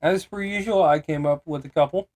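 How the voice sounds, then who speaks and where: A man's voice: fairly high pitch, a little fast, a little mellow. A man co-hosting a casual podcast chat, who laughs along and asks the questions.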